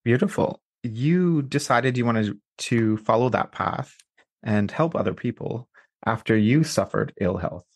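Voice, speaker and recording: A man's voice: medium pitch, expressive, measured pace. A man hosting a podcast interview, upbeat and introducing his guest with flourish. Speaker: podcast host.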